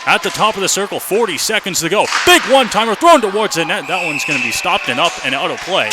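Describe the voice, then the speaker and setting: A fast-talking male radio announcer, fairly high in pitch, calls hockey live from an indoor rink. Short running phrases tumble out and can swell into excited shouting, while the arena's loud noise is plainly heard throughout the broadcast.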